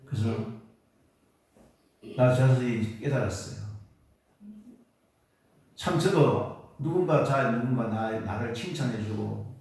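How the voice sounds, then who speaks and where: A man's voice: mid-range voice, a little mellow. Male pastor preaching, earnest and coaxing, keeps prompting the pews, sounds far off in a big echoey church. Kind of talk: sermon. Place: church sanctuary during Sunday service.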